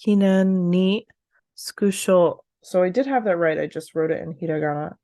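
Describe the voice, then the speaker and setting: A woman's voice: on the low side, normal speed, dark tone, dry recording, studio quality. A woman who is a native English speaker, casually studying a language aloud, talking to herself and repeating syllables as she sounds them out. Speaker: language learner hosting a practice session.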